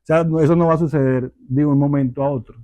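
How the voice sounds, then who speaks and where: A calm Colombian man leads a Bible lesson on parenting. His voice sits a little high yet sounds mellow and warm, explaining patiently and checking in with his listeners often. The recording is dry, with little room sound. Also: fast, no room sound. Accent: Colombian Spanish. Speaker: church teacher leading a parenting class. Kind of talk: Bible teaching in a small group discussion.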